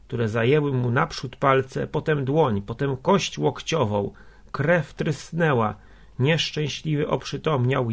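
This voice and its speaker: Gravelly male audiobook narrator. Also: mid-range voice. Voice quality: gravelly, husky. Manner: measured, steady storytelling. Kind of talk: scripted literary narration.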